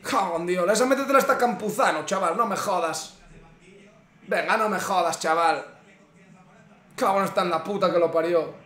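A young male streamer with a Spain Spanish accent reacts live to a football match, swearing and exasperated at the screen. His high voice has a fairly bright tone and a moderate pace broken by long pauses, and the room sounds echoey.

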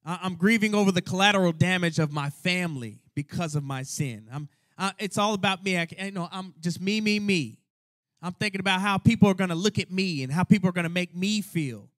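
A man's voice: high-pitched, a little fast, a bit bright, no echo, clean studio sound. A man preaching a sermon as pastor, earnest and conversational, with colloquial asides to the congregation. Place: church sanctuary.

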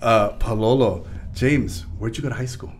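A man with a mid-range voice speaks at normal speed, with a little hiss or hum in the audio. He's a podcast host doing a casual interview at a studio mic with headphones in a small studio, talking animatedly and restarting often.

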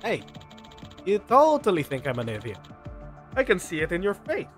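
Game music runs under this livestream, where a man with a high-sitting voice that swoops wildly in pitch reads the dialogue at normal speed. He keeps it playful, ad-libbing remarks and stumbling over the odd line.

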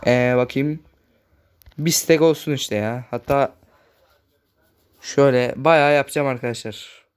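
A man hosting a gaming channel, chatting casually through his gameplay, speaking a bit loudly on purpose and constantly addressing his viewers as friends. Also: mid-range voice, a little slow, smooth. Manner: talks loudly on purpose so the voice carries.

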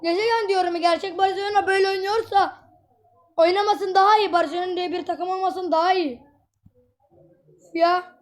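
A woman with a very high, piping voice rants through a mobile football match, excitable and quick to exasperation. Her voice sounds a little hoarse from all the shouting, and she talks straight into her tablet while she plays. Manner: exasperated, excitable, ranting at the game. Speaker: gameplay vlogger. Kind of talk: live mobile gameplay commentary.

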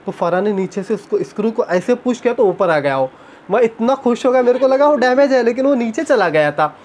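A man's voice: extremely high pitch, lively intonation, a little fast, a little mellow. A young man, chatting casually in a home vlog and retelling a story with animation. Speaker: vlogger. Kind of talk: casual chat. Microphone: camera on tripod.

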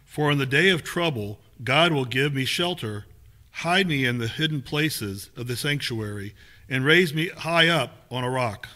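During a church service, a mid-range-voiced lay reader delivers scripture steadily and deliberately. The recording comes from a camera placed far away in a small sanctuary.

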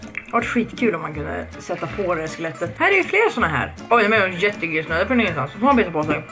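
Young woman playing a game, chatty, swears a lot, kinda low voice, music going behind her. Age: young adult. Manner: chatty and excitable, swears often, reads game text aloud. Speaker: gaming video creator. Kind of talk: casual let's-play commentary. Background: background music.

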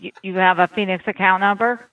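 A woman's voice: mid-range voice, steady tone, fairly quick. A woman working as a call center representative, answering with a scripted greeting and then asking hesitant questions. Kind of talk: customer service phone talk. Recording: dull phone line.

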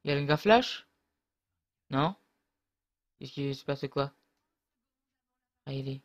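A man's voice: medium pitch, slow pace. A man casually commentating his own online match, rambling and hesitant with many fillers and restarts, on a close desk mic.

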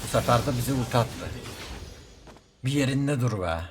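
A young man streaming a game, reacting live in quick excitable outbursts and often repeating words. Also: mid-range voice, noisy background. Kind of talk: live gameplay commentary.

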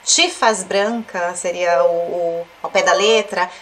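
A woman's voice: on the low side, fairly even intonation, fairly bright tone, slight background noise. Woman teaching Italian through a song. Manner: explains slowly, repeats words and checks in with tag questions. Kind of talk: language lesson analyzing a song.

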